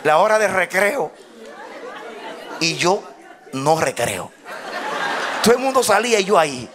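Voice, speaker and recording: Animated storytelling pastor, man. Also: high-pitched, a little slow, a crowd in the background. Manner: animated, laughing storyteller, builds to loud exclamations. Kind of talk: storytelling sermon.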